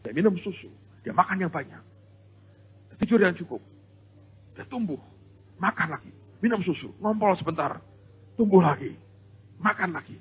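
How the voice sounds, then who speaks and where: A pastor preaching a sermon in an animated, storytelling way, often turning to address the congregation directly. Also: male voice, high voice, moderate pace, pauses often, breathy edge. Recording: dull lo-fi sermon recording.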